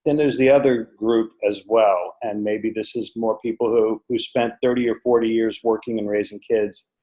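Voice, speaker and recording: A man asking conversational interview questions, a little halting as he rephrases them. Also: fairly low pitch, fairly even intonation, mellow, rough recording.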